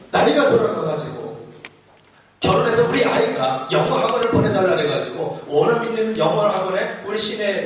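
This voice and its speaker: A man preaching a sermon as a pastor, telling stories with jokes and acting out bits of dialect. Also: sits high. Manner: storytelling with jokes and mimicked dialect phrases. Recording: far-off voice in a very echoey church hall with faint noise.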